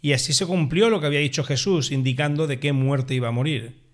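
Guy reading the gospel at mass, steady and measured, kinda high voice. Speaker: lector.

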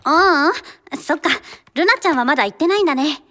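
A woman's voice: high voice, animated, fast, fairly bright tone. A woman voicing a casual, blunt young girl racer in a radio drama.

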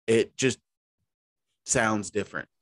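In this casual sports chat, a podcast co-host wanders easygoingly through baseball talk, often starting his sentences over. He speaks slowly in a lower register with a fairly bright tone, and there's no room sound at all.

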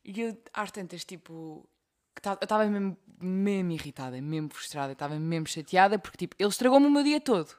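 A young woman with a European Portuguese accent, co-hosting a casual podcast and telling stories in an animated way, acting out the voices she quotes. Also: lowish voice, fast talker. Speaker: podcast co-host. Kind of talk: casual chat.

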